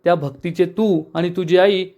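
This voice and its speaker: A man's voice: high-pitched, fairly even intonation, moderate pace, darkish tone, highs cut off. A man recapping a TV serial episode as an emotional story, voicing the characters' lines himself. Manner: dramatic, emotional narration.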